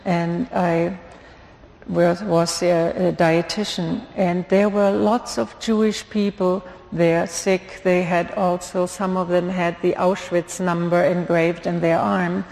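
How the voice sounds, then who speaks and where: An older woman from Germany with a German accent, giving an earnest church testimony with many fillers and pauses. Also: fairly low pitch, vocal fry, a little mellow. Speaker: guest speaker giving testimony. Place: church sanctuary. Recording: long hall reverb.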